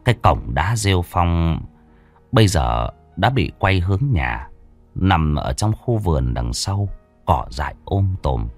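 Low-voiced storyteller. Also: male voice, husky. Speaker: ghost story narrator. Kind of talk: slow storytelling narration.

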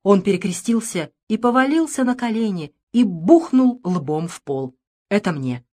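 A woman narrating a literary audiobook with expressive, tense storytelling. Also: medium pitch, normal speed. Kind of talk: dramatic literary reading.

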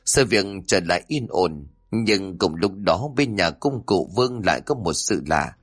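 Male horror narrator, suspenseful and measured, low and husky. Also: animated, faint music behind. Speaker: storyteller.

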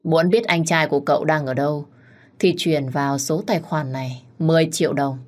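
Storybook villain, taunting male blackmailer, voiced by a woman, cold threats, low pitch. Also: fairly even intonation, brisk, lightly acted. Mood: threatening.

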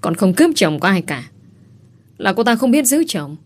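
A woman's voice: medium pitch, big pitch swings, normal speed. Woman voicing a defiant young woman. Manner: indignant, tearful complaining.

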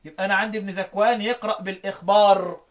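An Egyptian man teaching Quran recitation, quizzing his students and slowly chanting verse lines between his explanations. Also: sits high, flat delivery, highs cut off. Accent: Egyptian Arabic. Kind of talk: interactive classroom lesson.

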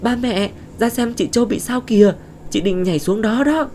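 A man's voice: normal speed, a little mellow, a little hiss or hum, natural voice. A man voicing a terrified young woman who cries out in panic. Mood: panicked. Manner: panicked, high and breathless.

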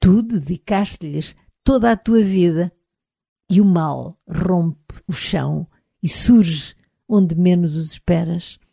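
A troubled middle-aged woman murmurs her thoughts in a European Portuguese accent, as an audiobook reader puts her on. The voice sits somewhat low and very dark and mellow, and the recording is dry and close. Her delivery moves between sarcasm and pleading. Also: slow, gravelly, husky, no echo, full character voice. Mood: sarcastic. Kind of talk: audiobook character reading.

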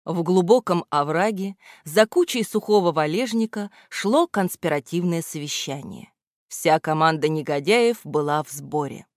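A woman narrating a children's storybook in a measured, expressive way. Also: deep voice, dry recording, clean studio sound. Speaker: audiobook narrator.

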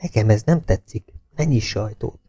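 A man's voice: on the low side, mellow, husky, no room sound, studio quality. A man voicing a tense, commanding army officer in an audiobook. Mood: hushed. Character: tense British intelligence officer.

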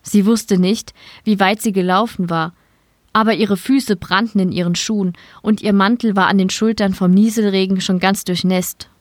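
Woman calmly reading a story. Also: mid-range voice, moderate pace, no room sound, studio quality. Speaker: story reader. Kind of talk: scripted narration.

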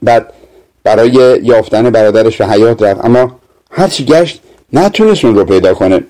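A man narrating a fairy tale audiobook in a measured, expressive reading. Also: on the low side. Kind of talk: scripted storytelling narration.

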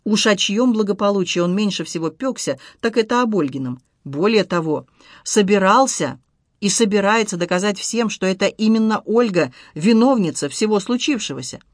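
An audiobook narrator reading a novel, even and unhurried. The voice is mid-pitched, and the recording is dry and close, with no room sound. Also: no echo. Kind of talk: scripted narration.

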